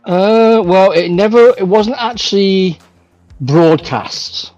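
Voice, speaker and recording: A man's voice: sits high, slow pace, a little mellow, no echo, muffled recording, faint music behind. A man in casual chat as co-host, telling stories and acting out quoted lines. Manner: storytelling, acts out lines with laughter.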